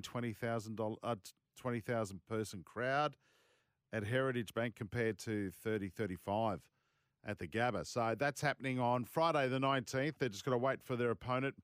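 A man's voice: on the low side, dry recording, clean studio sound. A man with an Australian accent hosting casual sports talk. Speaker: sports radio host.

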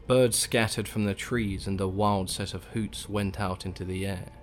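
A man with a very low, deep voice narrates a first-person horror tale. His delivery is grim and hushed, building dread line by line. Soft music plays underneath. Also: fairly even intonation, normal speed. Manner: grim, hushed storytelling with shouted outbursts.

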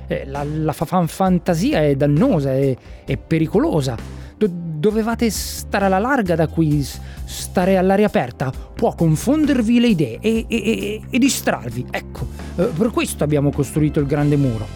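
A storyteller voicing a strict school principal who stutters and repeats words, speaking slowly in a flustered way. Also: mid-range voice, animated, warm tone, soft background music, close to an everyday voice.

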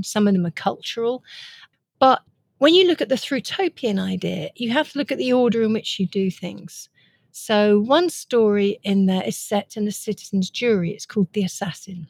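Interviewed as an author, a woman explains her ideas earnestly and articulately. Her voice sits in the mid range, and the recording is dry.

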